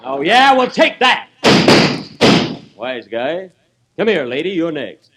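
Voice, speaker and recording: A brash bumbling outlaw. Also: male voice, fairly high pitch, sing-song, slow pace. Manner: brash, indignant comic timing. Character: boastful bumbling male cowboy outlaw. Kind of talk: 1930s live radio comedy. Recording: noisy 1930s radio broadcast.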